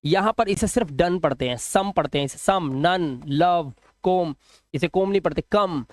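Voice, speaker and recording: A man teaching English pronunciation rules step by step. He stretches each example word out slowly, repeats it, and keeps checking that the listener follows. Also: high-pitched, lively intonation, no echo. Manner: patient, step-by-step explaining with frequent checks.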